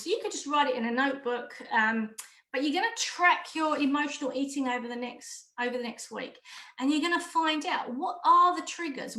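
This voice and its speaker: High-voiced woman coaching. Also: pushed and bright, roomy sound, a little hiss or hum. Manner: direct, emphatic and repetitive. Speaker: mindful eating coach. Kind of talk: online course talk.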